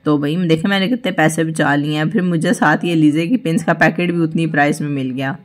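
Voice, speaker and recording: A woman's voice: low voice, steady tone, brisk. A young woman, chatting through her shopping trip and listing prices in a friendly, easy way. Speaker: shopping vlogger. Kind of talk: casual voice-over narration of a shopping trip.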